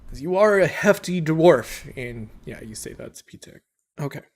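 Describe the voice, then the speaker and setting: A man's voice: fairly high pitch, animated, unhurried. A man narrating as game master, describing scenes in a loose, rambling way. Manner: casual, rambling with restarts.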